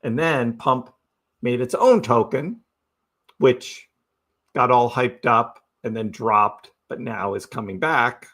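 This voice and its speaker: A man's voice: mid-range voice, slow, a bit bright. A man hosting a live crypto stream, giving casual chart commentary and asking his audience rhetorical questions. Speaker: crypto livestream host.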